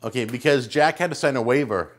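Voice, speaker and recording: A man's voice: mid-range voice, fast talker. Middle-aged man hosting casually in a kitchen. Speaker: host and cook of a hot wing challenge. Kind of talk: casual hosting to camera and guests. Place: indoor home kitchen.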